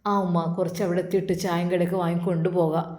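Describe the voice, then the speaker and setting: A woman voicing a calm, dutiful young husband who speaks in a steady, plain voice. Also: lowish voice, rapid-fire, reverberant, close to an everyday voice.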